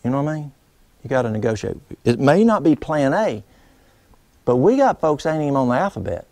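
Gravelly man telling stories. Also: medium pitch, very animated, fairly quick, a little mellow, no echo. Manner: homespun, rambling, with many fillers and restarts. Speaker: herbalist speaking to a group. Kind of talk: folksy storytelling talk.

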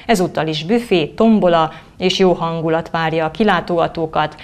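Woman news presenter, lowish voice. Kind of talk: scripted news narration.

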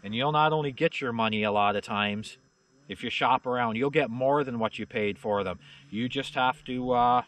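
A middle-aged man with a medium-pitched, slightly bright voice talks at normal speed while showing his channel's snowmobiles outside in the snow. It's a casual, rambling walkaround in a snowy yard, delivered in a folksy, plain-spoken way with lots of "you know" and "uh."

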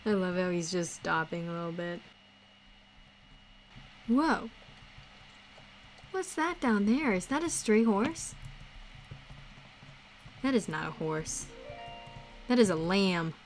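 A woman streamer giving chatty, excitable commentary on a game she is playing. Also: fairly low pitch, slow, pauses often, faint music behind. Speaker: gaming streamer.

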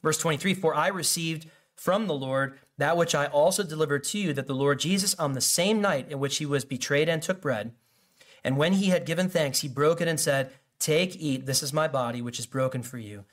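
A man's voice: fairly high pitch, fairly quick, a bit bright. A man preaching a sermon as pastor, in a conversational, jokey way full of asides, with frequent fillers and restarts.

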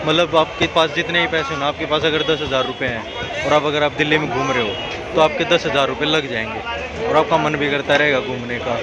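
A young man talks casually to his viewers while he walks a crowded outdoor market. His voice sits a bit high, and a busy crowd murmurs around him. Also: steady tone, brisk. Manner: chatty, addresses viewers as brother. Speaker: vlogger. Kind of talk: casual walking vlog. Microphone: camera held at arm's length. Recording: crowded street noise. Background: crowd chatter.

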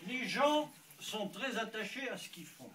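A man performing a comic stage monologue with a measured, deadpan delivery. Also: high-pitched, crowd noise. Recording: distant mic with loud hiss.

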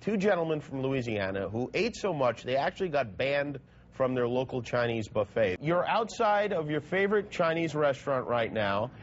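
A man's voice: mid-range voice, big pitch swings, moderate pace. A male interviewer asking dry, teasing questions in a comic interview outdoors outside a restaurant. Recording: dull lo-fi sound with traffic noise.

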